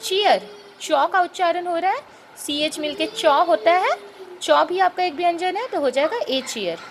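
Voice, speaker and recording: A woman teaching a grammar lesson. She explains patiently, checks in with rhetorical questions, and spells out and repeats sounds slowly. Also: very high-pitched, lively intonation, slight background noise.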